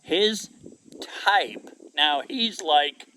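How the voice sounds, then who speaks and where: A man's voice: a little high, lively intonation, sharp tone, a little hiss or hum, rough recording. A man telling a rambling, profane story in a casual rant. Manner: profane, rambling, drawn-out delivery. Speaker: vlogger.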